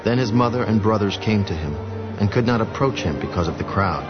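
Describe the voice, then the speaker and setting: A man narrating scripture in a steady, even storytelling way. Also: lowish voice, fairly quick. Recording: dull lo-fi audio with music behind.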